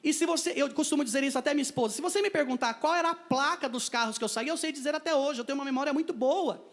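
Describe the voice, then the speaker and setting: A man's voice: very high voice, rapid-fire. A man with a Brazilian Portuguese accent, a missionary telling a personal testimony and acting out the dialogue in a vivid storytelling manner.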